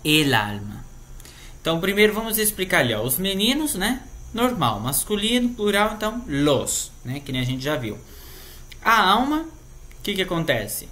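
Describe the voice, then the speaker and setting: A man's voice: high voice, sing-song, brisk, hardly any pauses, fairly bright tone. A man with a Brazilian Portuguese accent patiently explaining a grammar lesson, often checking in with the listener. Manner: patient, explanatory, tags sentences with "né?". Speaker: Spanish teacher.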